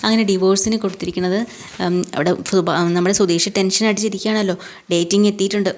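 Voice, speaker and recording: Fast-talking woman recapping a story. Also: mid-range voice, steady tone, darkish tone. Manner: chatty retelling with frequent tag questions. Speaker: serial recap narrator. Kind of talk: casual episode recap.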